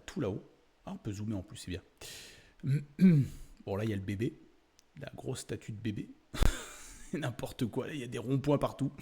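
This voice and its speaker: Gravelly-voiced chatty man. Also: a little high, darkish tone. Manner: chatty, laughing, thinking aloud with many fillers. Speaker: YouTuber exploring a website. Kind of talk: casual screen-share commentary.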